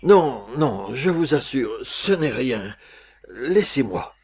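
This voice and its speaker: A man playing Cyrano, a proud, aging swordsman-poet who is dying and secretly in love, reading verse in a solemn, measured way with a husky, gravelly voice. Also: mid-range voice, big pitch swings, a little mellow, heavily acted. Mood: deflecting. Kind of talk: stage play reading.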